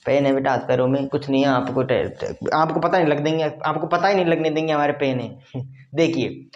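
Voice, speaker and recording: A man's voice: a little high, fairly even intonation, brisk, muffled recording. A male teacher running an online lesson. He drills each point again and again. He plays the students' replies himself in a call-and-response style. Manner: answers for his students himself; calls listeners "beta".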